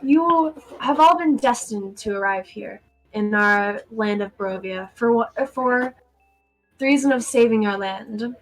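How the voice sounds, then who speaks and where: A woman voicing a solemn, mystical fortune-teller in a tabletop game, speaking slowly and theatrically of destinies. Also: a little high, soft background music, low-quality recording. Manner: slow, portentous, theatrical. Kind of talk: tabletop role-play acting.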